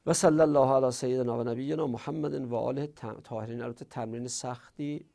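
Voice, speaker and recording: A middle-aged man teaching Arabic grammar in a classroom lesson, drilling verb conjugations and trailing off quietly at the ends of lines. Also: medium pitch, steady tone, vocal fry.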